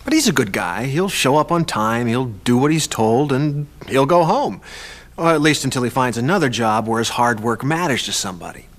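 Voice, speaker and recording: Expressive male training narrator. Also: mid-range voice, moderate pace. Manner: conversational, emphatic. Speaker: presenter.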